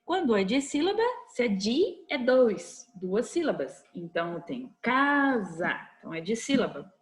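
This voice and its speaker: A woman with a Brazilian accent gives a recorded lesson to children, her voice slightly high. She is patient and coaxing, checking in often with little questions. She speaks into a computer mic at her desk. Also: very animated, moderate pace. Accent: Brazilian Portuguese. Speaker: primary school teacher. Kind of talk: recorded online class for children.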